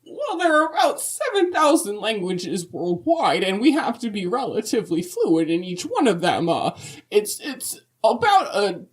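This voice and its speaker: A woman's voice: medium pitch, big pitch swings, normal speed, lightly acted. A woman playing a centuries-old, chatty and opinionated Mrs. Claus in a comic podcast interview, rambling with folksy emphasis. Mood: fond, chatty.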